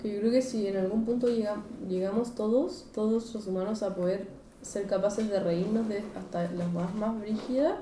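Chilean woman, podcast guest, mellow and hedging, off-mic in a roomy space. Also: medium pitch, steady tone, normal speed, far from the mic, a little hiss or hum. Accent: Chilean Spanish. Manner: thoughtful, slangy, hedging. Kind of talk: casual chat.

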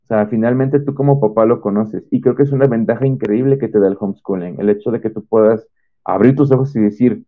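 A young man with a Mexican accent tells of his own schooling in a casual, animated way and acts out the dialogue he recalls. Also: lowish voice, quick pace. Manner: animated storyteller who acts out quoted dialogue. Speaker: homeschooled former student sharing experience. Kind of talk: casual testimonial talk. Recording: tinny phone-like sound.

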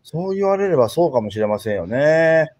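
A man's voice: a little high, brisk, no echo. A man in his fifties from Osaka with a Kansai accent, a guest in a walking interview who nods along constantly. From Osaka, Japan. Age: 50s. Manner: relaxed, lots of backchannel nods. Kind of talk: conversational interview. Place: outdoors, walking.

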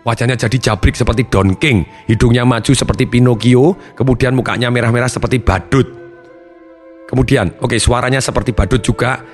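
A man who trains people in trauma therapy, telling a seminar audience about a patient's case in an animated way, acting out voices and counting aloud. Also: mid-range voice, brisk, soft background music. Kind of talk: storytelling seminar talk.

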